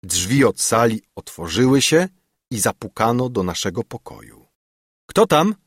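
A man with a lowish, husky voice narrating a literary audiobook in an expressive, dramatic way. His pitch moves widely, and the recording is close and dry with no room sound. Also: normal speed, no room sound. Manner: expressive, dramatic first-person reading.

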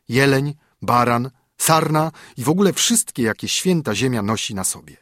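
Husky man narrating a fairy tale. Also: medium pitch, no echo, studio quality. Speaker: audiobook narrator.

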